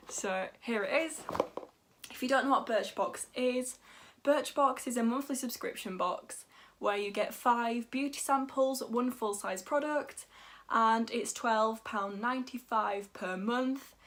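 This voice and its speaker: A teenage girl, gushing and giggly as she chats through a beauty unboxing. Her voice sits a little high for a woman, and she talks in a casual, bubbly way. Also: fairly bright tone. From England, North Yorkshire. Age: teens. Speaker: beauty vlogger.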